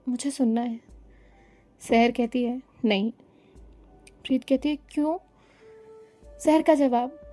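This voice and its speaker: Female storyteller, high and warm, soft music bed beneath. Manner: reads every character's lines in her own voice, calm and even. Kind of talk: scripted story narration.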